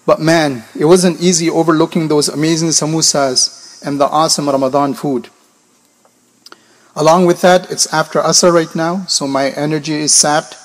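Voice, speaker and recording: A man preaching formally and emphatically to a congregation, his voice coarse, gravelly and hoarse from a sore throat, restating points in synonyms. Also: on the high side, steady tone, normal speed. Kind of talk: sermon to a congregation.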